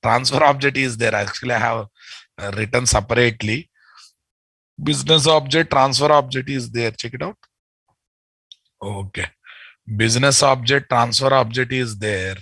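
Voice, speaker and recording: A man's voice: mid-range voice, moderate pace, pauses often, pushed and bright, breathy edge, dry recording, rough recording. A middle-aged man with an Indian Telugu accent, teaching an informal live online lesson as an instructor, repeating his phrases and addressing learners familiarly. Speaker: software instructor. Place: indoor room, video call.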